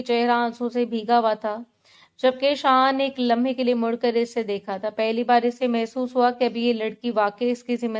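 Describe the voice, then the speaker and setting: A woman's voice: on the high side, clean tone. A woman narrating a love story, reading steadily. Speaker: novel narrator.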